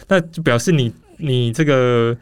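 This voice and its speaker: A man's voice: medium pitch, smooth, no echo. A man with a Taiwanese Mandarin accent hosting a casual podcast in a rambling, explanatory way, slightly muffled by a face mask. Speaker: podcast host.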